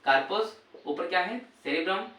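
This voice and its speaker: A man's voice: high voice, moderate pace, bright, forceful tone. A male teacher giving a classroom lesson, repeating terms and quizzing students in call-and-response. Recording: echoey room, voice from far off.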